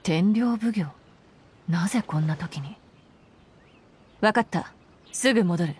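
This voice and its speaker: With a slightly mellow, lowish voice at normal speed, near her everyday sound, a woman acts as a stern, dutiful military commander in a Japanese video game. She's formal, clipped and earnest; faint music and slight background noise can be heard.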